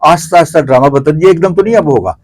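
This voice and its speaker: This middle-aged Pakistani man's voice sits on the high side with a darkish tone. Interviewed as a guest about theatre, he gives his opinions through lengthy explanations and conversational repetition.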